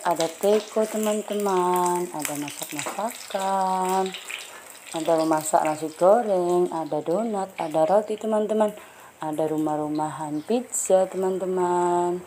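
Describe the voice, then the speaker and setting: On a handheld phone, a woman films herself strolling past a toy stall, gushing over each toy to her viewers. Her lowish voice repeats enthusiastic exclamations aimed at friends, with background noise behind her.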